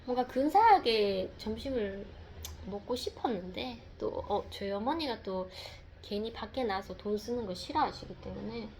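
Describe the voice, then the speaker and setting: A woman's voice: medium pitch, a little mellow, a little hiss or hum. A mother telling a personal faith testimony, rambling, with many fillers and repeated words.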